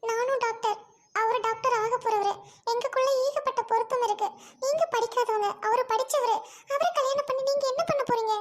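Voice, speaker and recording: A woman's voice: extremely high pitch, fairly even intonation, fairly quick, slight background noise. A woman voicing a young woman doctor who pleads and insists, in an amateur audio drama. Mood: insistent.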